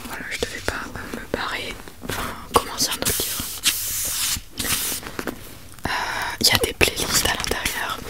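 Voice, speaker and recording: A young adult woman chatting informally about books in a soft, breathy library whisper for ASMR, hesitant and often trailing off mid-phrase. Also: moderate pace, long pauses. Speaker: ASMR book reviewer. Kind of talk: whispered ASMR book chat.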